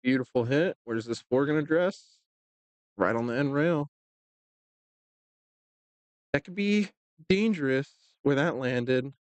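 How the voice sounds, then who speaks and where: A man's voice: mid-range voice, takes it slowly, pauses often, no echo. Easygoing man doing pool commentary. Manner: relaxed and joking, with fillers. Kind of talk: casual live commentary.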